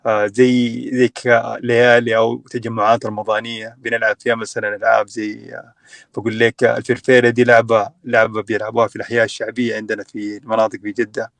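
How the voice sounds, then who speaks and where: A man's voice: on the low side, little pitch movement, fast, vocal fry, a bit bright, no echo. A young man from Sudan telling his story as a guest in a casual online chat, with many fillers and restarts. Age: young adult.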